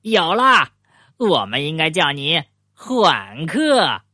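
A man's voice: a little high, lively intonation, normal speed, pushed and bright, no echo, studio quality. A man voicing a teasing young beaver kid in a storybook reading, bouncy and playful.

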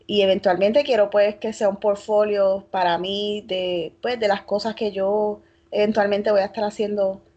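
A woman's voice: mid-range voice, darkish tone. Reflective Puerto Rican woman, lo-fi. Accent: Puerto Rican Spanish. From Puerto Rico. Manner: reflective, many fillers and hedging tags. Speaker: guest, fashion blogger. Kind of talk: casual interview.

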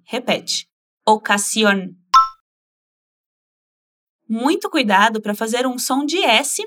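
A woman teaching a spoken language lesson, patiently modeling phrases slowly for the listener to repeat. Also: fairly high pitch, a bit bright.

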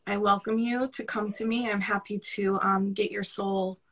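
A woman's voice: medium pitch, little pitch movement, moderate pace, a bit bright. A woman in her thirties with a New York accent, a podcast guest talking candidly and chattily, laughing easily and swearing casually. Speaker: podcast guest, career coach. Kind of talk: casual conversational interview.

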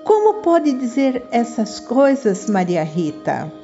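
A calm, fair-minded storybook schoolteacher, voiced by a woman, admonishing with measured words in a soft-edged mellow tone. The recording is slightly dull, with faint music behind. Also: a little high, full character voice. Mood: gently admonishing. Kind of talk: children's storybook character voice.

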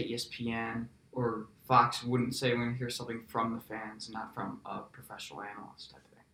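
A teenage American male student podcaster chats in a casual interview style. His voice is medium in pitch. The sound is roomy and reverberant. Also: a bit bright. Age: teens. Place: indoor school podcast studio.

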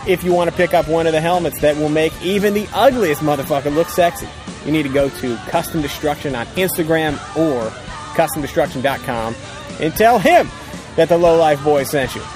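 A man co-hosts a casual podcast outdoors on a ranch, trading profane, informal, upbeat banter and doing sponsor plugs. His voice is a little high and his delivery brisk. Music plays in the background.

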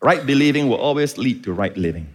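A man preaching a sermon, teaching calmly and then rising to impassioned shouts. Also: medium pitch, fast talker. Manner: teaching, explains Greek words. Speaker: pastor.

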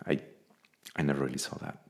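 A man's voice: extremely low pitch, level tone, a crowd in the background. A man from Belgium, speaking candidly and thoughtfully as an interview guest. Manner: thoughtful, candid, slow and measured. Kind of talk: reflective personal interview.

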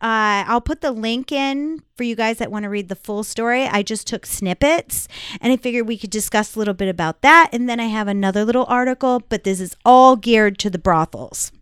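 Woman podcast host, casual blunt chat, profane, smooth and crisp, dry close sound. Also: fairly high pitch, brisk, a bit bright, dry recording. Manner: blunt, profane, laughs often.

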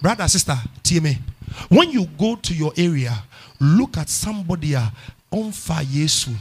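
A middle-aged man with a Ghanaian English accent preaching a sermon, repeating phrases and swinging from hushed to loud. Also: a little high, very animated, normal speed, slightly rough. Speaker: pastor.

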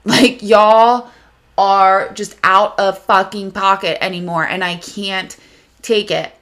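A woman, hosting a podcast and telling a story in an animated, indignant way, swearing freely. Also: medium pitch, takes it slowly. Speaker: podcast host. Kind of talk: casual storytelling monologue.

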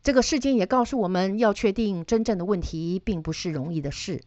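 A woman's voice: medium pitch, brisk, a little mellow, no room sound, muffled recording. A middle-aged woman teaching data analysis, explaining ideas through personal stories and putting questions to her listeners. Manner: storytelling, asks listeners questions.

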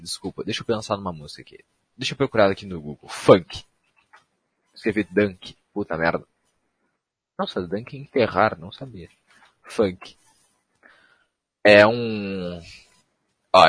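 Rambling, slangy young podcaster. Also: male voice, on the low side, expressive, normal speed, long pauses, slightly rough, no echo. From Brazil. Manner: rambling, slangy, self-mocking. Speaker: podcast host. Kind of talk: casual solo podcast monologue.

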